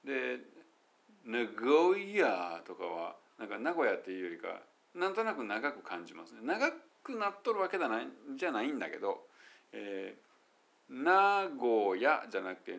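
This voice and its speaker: A man with a Kansai Japanese accent giving a casual, chatty English pronunciation lesson, slowly sounding out English words to demonstrate them. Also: mid-range voice, wildly swooping pitch, creaky. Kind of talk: casual solo lesson talk.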